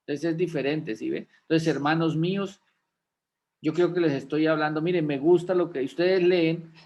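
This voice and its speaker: Man, pastor, conversational sermon, rhetorical questions, slightly high voice. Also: steady tone, moderate pace, darkish tone. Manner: folksy, asks rhetorical questions of listeners. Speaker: pastor teaching a class.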